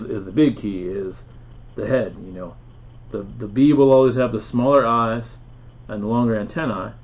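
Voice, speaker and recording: A man hosting a playful educational explainer, asking dramatic questions and chuckling often, with hesitant fillers. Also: mid-range voice. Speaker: host. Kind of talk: educational explainer about insects.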